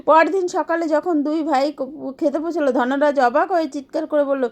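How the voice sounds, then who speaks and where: A woman storyteller narrating a moral folk tale in a steady storytelling manner. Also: high-pitched, moderate pace.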